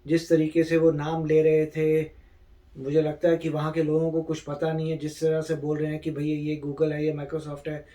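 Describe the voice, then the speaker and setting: A man co-hosting a reaction video, talking casually and correcting details in a measured way. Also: fairly high pitch, monotone, dark tone, far from the mic. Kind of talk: casual chat.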